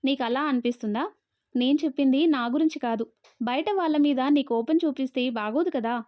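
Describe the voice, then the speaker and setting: A gentle, patient young wife, read by a woman storyteller, calm and soothing as she talks. The voice is high, and the recording is dry and dull, like lo-fi audio. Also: a little fast, dry recording, natural voice. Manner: soft, soothing.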